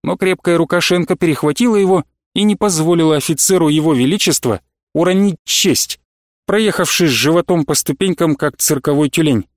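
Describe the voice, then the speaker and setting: Man narrating an audiobook, fairly high voice. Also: a little fast, no echo, clean studio sound. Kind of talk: scripted narration.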